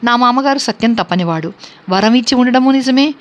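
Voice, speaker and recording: A grieving young princess held captive voiced by a woman in a scripture reading. She speaks with steady, earnest recitation in a fairly high voice. The recording sounds dull and lo-fi. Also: fairly quick, natural voice. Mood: sorrowful.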